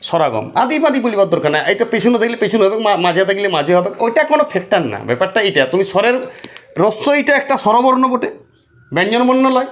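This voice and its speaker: A man's voice: sits high, sing-song, fairly quick. A man teaching a grammar lesson for exam students, talking to the listener in a colloquial, repetitive way with many rhetorical questions.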